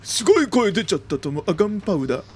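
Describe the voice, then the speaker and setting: A man doing jumpy let's-play commentary of a horror game, often repeating exclamations quickly and using old-man turns of phrase. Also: high voice, very animated, a little hiss or hum. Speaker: video game streamer.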